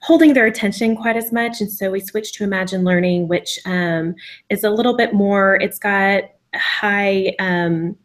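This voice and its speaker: A woman teacher in a casual online discussion, explaining in a measured way with frequent fillers. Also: mid-range voice, fairly even intonation. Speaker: teacher in a book club chat.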